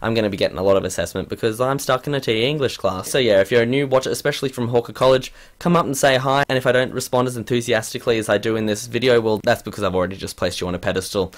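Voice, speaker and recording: A rapid-fire young man in his late teens talks straight to camera in a casual vlog. He rambles from one thing to the next and pokes fun at himself. He keeps catching himself mid-word and starting over. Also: mid-range voice, fairly even intonation. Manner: rambling, self-deprecating, trips over his words. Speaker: vlogger.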